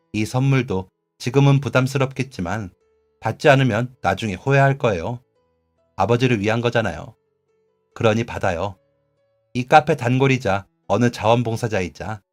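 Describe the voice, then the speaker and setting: Sincere male café regular, gentle and heartfelt, mid-pitched, faint music behind, read by a man. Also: close to an everyday voice. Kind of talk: radio drama reading.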